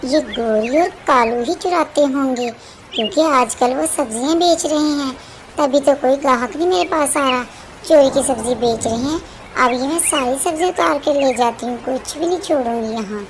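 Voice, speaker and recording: A kind cartoon sparrow mother, voiced by a woman, high-pitched, gentle and caring. The recording has a noisy hiss behind it.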